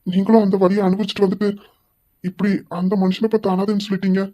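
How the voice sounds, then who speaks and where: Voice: mid-range voice, level tone, fast talker, mellow, natural voice. A performer voicing a regretful middle-aged man, a chairman, pleading with his elder sister in an amateur audio drama. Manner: pleading, remorseful.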